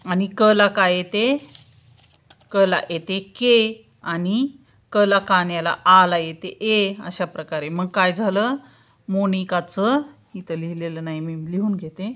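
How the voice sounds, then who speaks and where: A woman's voice: fairly low pitch, slow pace, fairly bright tone. A woman tutor teaching a spelling lesson, patiently repeating each question and answering it herself, sounding out letters syllable by syllable.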